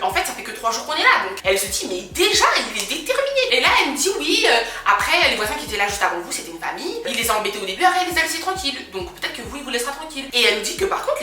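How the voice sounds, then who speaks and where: Animated woman storyteller vlogging from home, high, lively voice, echoey and distant from the mic. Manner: animated, dramatic, laughing retelling. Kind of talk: storytime vlog. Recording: echoey room from far off, faint music.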